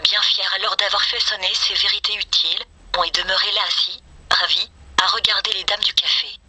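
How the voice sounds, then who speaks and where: This is a woman's text-to-speech voice with a very bright, sharp edge and a raspy, breathy grain. It sits at a middle pitch. The novel is read in a scripted, mechanical manner with choppy phrasing. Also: fairly even intonation, fairly quick, low-quality recording. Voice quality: synthetic, machine-generated. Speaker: synthetic text-to-speech reader. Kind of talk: scripted audiobook-style reading of a novel.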